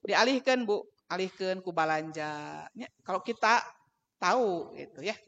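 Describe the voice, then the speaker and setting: A woman's voice: fairly low pitch, animated, measured pace, fairly bright tone, highs cut off. A woman with a Sundanese accent giving a parenting talk at a mosque, telling stories and acting out mother and child voices. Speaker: parenting speaker.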